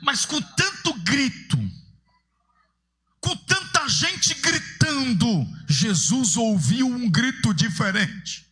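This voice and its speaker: A man preaching an impassioned sermon in a church, building to shouts and sing-song repetition. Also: very high voice, big pitch swings, slow pace, breathy edge. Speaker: evangelist preacher. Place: large church sanctuary.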